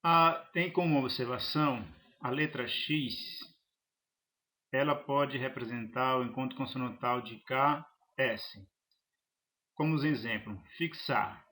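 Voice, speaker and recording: A man teaching a grammar lesson, halting and restarting phrases as he explains examples. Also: medium pitch, sharp tone. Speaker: Portuguese teacher.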